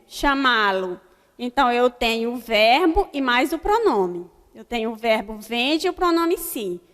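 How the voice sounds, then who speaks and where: A Brazilian woman teaching a recorded grammar lesson to children, spelling out example words slowly and checking in with her pupils. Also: high-pitched, a bit bright. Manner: slow, deliberate word-by-word dictation with frequent "né?" checks. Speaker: primary school teacher. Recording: long hall reverb.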